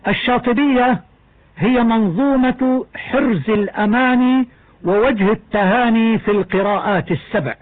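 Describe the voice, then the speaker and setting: A man teaching Quran recitation in a scripted lesson, explaining rules in a measured, deliberate way and chanting the example verses slowly. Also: very high-pitched, phone-quality sound.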